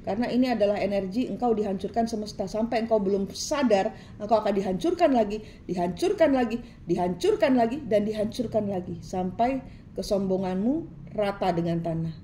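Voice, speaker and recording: A woman's voice: medium pitch, fairly quick, warm tone, slight background noise. A woman tarot reader, giving a preachy, scolding reading full of repetition.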